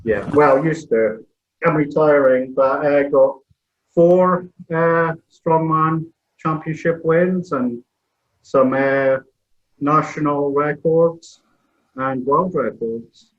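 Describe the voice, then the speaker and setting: A middle-aged Scottish man with a Scottish accent, a slightly high voice, and an unhurried pace is a podcast guest chatting casually about strongman competitions. He comes across as modest and matter-of-fact, and the recording's highs are cut off.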